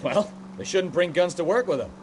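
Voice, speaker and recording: A man's voice: high voice, lively intonation, normal speed. A man acting a plain-spoken, world-weary 1940s police detective in a crime game. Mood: wry, weary. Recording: loud vehicle and street noise.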